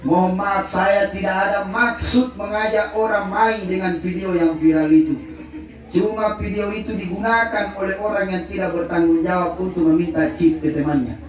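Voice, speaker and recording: A man's voice: sits high, fairly even intonation, normal speed. A man preaching a humorous sermon at a condolence gathering, jokey and playful, talking straight to his audience. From South Sulawesi, Indonesia. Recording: very echoey hall, mic far off.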